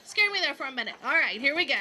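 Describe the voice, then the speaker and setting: A woman auctioneer with a high, bright voice runs a live charity auction. She rolls the bids out in a steady, repetitive chant. Her calls keep the room moving. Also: racing, slight background noise, rough recording. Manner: rhythmic repetitive bid chant.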